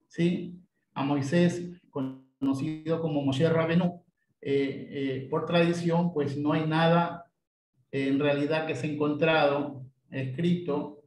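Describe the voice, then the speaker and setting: A man's voice: on the high side, a little mellow, roomy sound, poor audio. A man leading a church Bible study, explaining at length with many fillers and frequent questions to check his listeners follow. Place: church meeting room.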